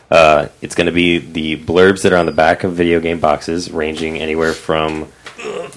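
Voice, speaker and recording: Very deep-voiced man hosting casually. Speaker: podcast host, quizmaster. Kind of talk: casual banter.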